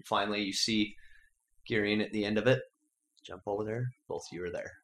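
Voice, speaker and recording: A man's voice: lowish voice, steady tone, fairly quick, fairly bright tone, a little hiss or hum. A man running a tabletop game as game master, narrating loosely with lots of fillers. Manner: loose, rambling descriptions with many fillers. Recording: echoey room.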